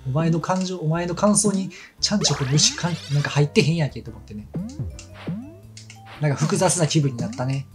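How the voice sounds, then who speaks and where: A man's voice: on the high side, a little fast. A man with a Kansai accent chatting casually and telling rambling stories while he plays a game. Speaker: let's play commentator. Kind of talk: casual chat over gameplay. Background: game music.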